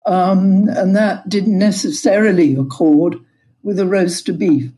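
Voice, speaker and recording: An older woman from Yorkshire, England, recalling her cooking days as a guest in an interview, in a slow, measured way. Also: on the low side, fairly even intonation, warm tone, rough recording. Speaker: guest, cookbook author. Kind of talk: interview over a call.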